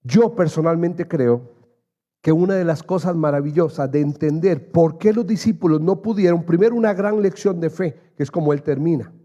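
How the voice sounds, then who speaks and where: Earnest preaching man, mellow voice. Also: a little high, normal speed, muffled recording. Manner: earnest, builds to emphatic raised passages, addresses listeners as dear brother. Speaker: pastor. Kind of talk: sermon. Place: church.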